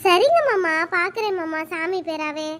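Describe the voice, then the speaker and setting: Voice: extremely high pitch, animated, normal speed, fairly bright tone, voice pushed down. A performer voicing a timid young village mother in a cartoon, answering meekly and politely. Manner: meek, polite, hesitant. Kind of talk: cartoon voice acting.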